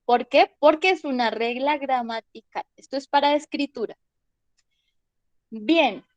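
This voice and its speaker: Slow, high-voiced woman teaching English. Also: no echo. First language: Spanish. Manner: patient, checks understanding with frequent "¿sí?" and "¿bien?". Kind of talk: online class explanation.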